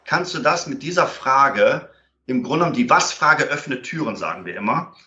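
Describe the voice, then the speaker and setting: Appearing as an interview guest, a man explains conflict resolution, using lots of fillers and acting out example dialogues. His medium-pitched voice is expressive, bright and forceful at a normal speed. The recording sounds roomy, dull and lo-fi.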